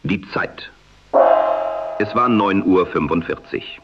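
A man announcing a programme formally and with measured delivery in 1940s AM radio style, with an old radio sound. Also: sits low. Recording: dull band-limited old radio sound. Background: music.

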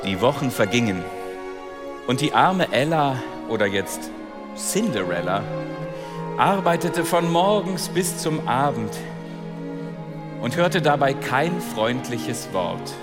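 A man telling a fairy tale live to an audience, animated and asking them questions. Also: mid-range voice, takes it slowly, pauses often. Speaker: storyteller. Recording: long hall reverb, faint music.

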